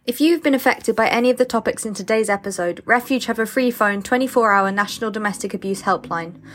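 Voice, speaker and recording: Calm woman reading a closing notice. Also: a little high, fast talker. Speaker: podcast host. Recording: faint music behind.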